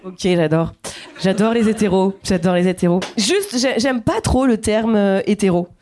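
A woman's voice: mid-range voice, animated, normal speed, warm tone, some chatter behind, a little hiss or hum. A woman in her thirties from Guadeloupe, performing a playful, chatty stand-up set and talking directly to the audience. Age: 30s. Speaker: stand-up comedian. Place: comedy stage.

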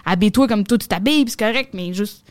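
A podcast's comedian guest, a young woman from Quebec, chats casually in a Québécois accent, rattling off slangy, animated stories at speed. The recording is dry and studio quality, her pitch medium.

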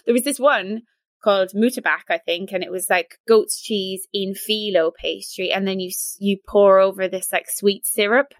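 A woman co-hosting a casual podcast, talking fast and enthusiastically about recipes with frequent laughter. Her voice sits at a middling pitch and is recorded close and dry, with no room sound. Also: fairly even intonation, dry recording. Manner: chatty, enthusiastic, laughs often. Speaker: podcast co-host. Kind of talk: casual chat.

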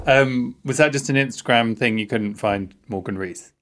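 Man, podcast host, mid-range pitch, conversational, musing, inquisitive. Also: animated, slow pace, a bit bright. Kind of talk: casual conversational podcast hosting.

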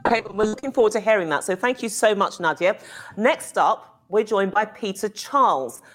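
A woman's voice: medium pitch, animated, moderate pace, noisy background. A woman hosting a business webinar, introducing speakers with light joking asides. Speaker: host.

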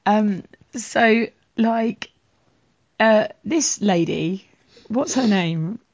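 A woman's voice: mid-range voice, lively intonation, extremely slow, a little mellow. Giggly woman chatting, dull lo-fi sound. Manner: giggly, amused and confused. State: coughing. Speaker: guest reading a comic. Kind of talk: casual chat.

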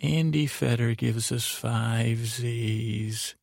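A man hosting a sleep podcast in the calm, gentle, rambling manner of a bedtime story narrator. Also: medium pitch, takes it slowly, vocal fry, dry recording, studio quality. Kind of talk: soothing bedtime sleep-story narration, saying good night to listeners.

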